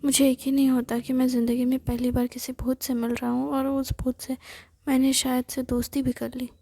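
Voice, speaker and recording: A fretful young man muttering to himself, as a woman puts him on in a whispered role-play. His voice is a breathy, fairly flat whisper, dark and soft. The delivery stays steady. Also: high voice, brisk. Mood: puzzled. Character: nervous young man talking to a ghost.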